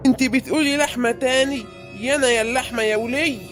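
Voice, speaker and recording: A woman's voice: high-pitched, fast, faint music behind, lightly acted. A woman voicing a stingy, grumbling middle-aged husband in an Egyptian cartoon, with an Egyptian accent and a scolding, exasperated way of talking. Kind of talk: cartoon voice acting.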